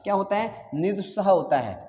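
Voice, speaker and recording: A man's voice: sits high, animated, a little fast, a little mellow, in a large hall. A male teacher giving an online exam-prep lesson, repeating answers and quizzing his students again and again.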